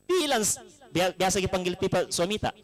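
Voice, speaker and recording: A high-voiced man preaches at a condolence gathering. He tells the sermon through jokes and stories and acts out the quotes. His pitch jumps up sharply for emphasis. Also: animated, brisk. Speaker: Islamic preacher. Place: live gathering in a home, broadcast on radio.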